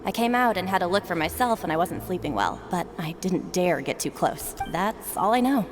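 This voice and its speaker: A woman's voice: on the low side, lively intonation, moderate pace, close to an everyday voice. A woman playing a guarded, streetwise townsperson in an anime game dub, talking in a cagey, hesitant way. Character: guarded, streetwise female townsperson selling information. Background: game music.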